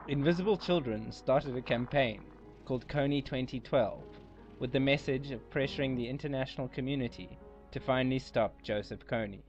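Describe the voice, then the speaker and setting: Calm male documentary narrator, lo-fi. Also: mid-range voice, moderate pace. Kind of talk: documentary voice-over. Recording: dull lo-fi voice-over with faint music.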